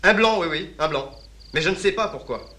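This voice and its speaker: An anxious, officious lieutenant; bright, slightly raised voice. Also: male voice, on the high side, lively intonation, brisk. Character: nervous male colonial lieutenant, easily flustered. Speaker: army lieutenant. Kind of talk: film drama acting.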